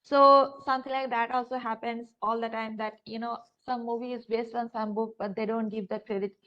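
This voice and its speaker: Speaking directly to her students, a high-pitched woman with an Indian English accent lectures conversationally, her slightly bright voice showing little pitch movement. She's a university lecturer who often uses fillers like "uh" and "you know," captured in dull, lo-fi audio from what sounds like a classroom room microphone.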